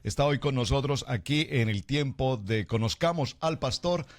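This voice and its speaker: Formal pastor hosting a radio show. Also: male voice, mid-range voice, animated. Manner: formal, warm greeting style, slow deliberate questions.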